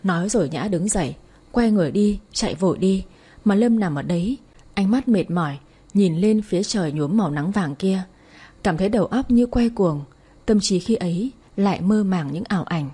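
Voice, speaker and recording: A woman narrating a story in a soft, even storytelling voice. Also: medium pitch, moderate pace, husky.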